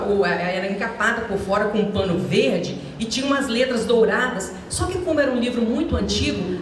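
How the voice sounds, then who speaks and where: A woman's voice on the higher side, accented in Brazilian Portuguese, belongs to a retired teacher in her sixties visiting as a guest speaker. Addressing students directly, she recounts personal stories in a chatty, anecdotal way. The recording is distant, echoey, and lightly hissy, made in a large school hall where she holds a handheld mic.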